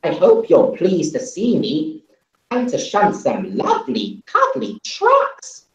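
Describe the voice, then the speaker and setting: A woman voicing a small, relentlessly cheery male steam engine with a squeaky, sing-song voice. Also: huge pitch swings, takes it slowly, roomy sound, recorded from a distance, lo-fi sound, full character voice. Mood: chirpy.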